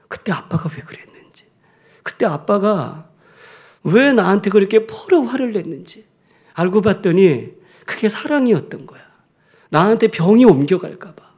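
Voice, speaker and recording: A male pastor preaching a sermon, telling a story and raising his voice for the quoted lines. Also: sits high.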